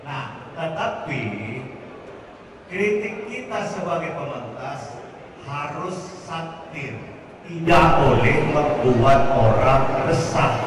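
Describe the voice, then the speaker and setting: Slow-spoken man picked up from afar, big echoey hall, noisy. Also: a little high, lively intonation. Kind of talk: brief remarks at a comedy event. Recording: distant mic in a very echoey hall, loud noise.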